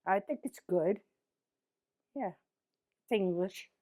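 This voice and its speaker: Older woman, slow Boston accent. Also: mid-range voice, warm tone, no room sound, clean studio sound. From East Boston, Massachusetts, USA. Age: 70s. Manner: plainspoken, short blunt answers. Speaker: interviewee. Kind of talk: reading test sentences and answering interview questions.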